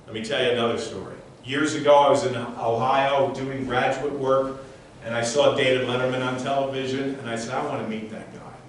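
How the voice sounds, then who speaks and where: A man's voice: medium pitch, flat delivery, a little fast. A man performing as a mind reader on stage, intense and emphatic, repeating phrases and giving commands as he talks to a live audience. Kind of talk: live stage show, motivational talk with audience demonstration. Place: large echoey room before a live audience. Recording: very echoey room, distant mic, faint noise.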